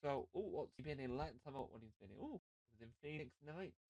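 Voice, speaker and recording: A man's voice: medium pitch, animated, fast, vocal fry, darkish tone, no room sound. A man chatting casually on a live stream, rambling and joking, breaking off his own sentences. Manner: chatty, self-interrupting, jokey.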